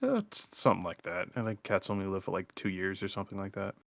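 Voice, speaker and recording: A man playing a tabletop role-play game, joking in a deadpan way with hesitant fillers. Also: low-pitched, fast talker, creaky, no echo, clean studio sound. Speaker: player.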